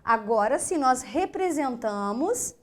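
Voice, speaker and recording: A Brazilian Portuguese teacher with a high, bright voice walks her class through sounds and letters. She speaks slowly, asks questions of her students, and counts aloud. She often sounds out a letter as a short breathy puff. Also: lively intonation. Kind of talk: classroom lesson explaining phonetics.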